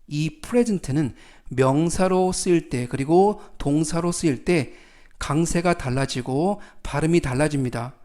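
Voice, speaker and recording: A man teaching English phrases in a calm, methodical lesson, often repeating key words and example sentences. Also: a little high, slow. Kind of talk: slow explanatory lesson.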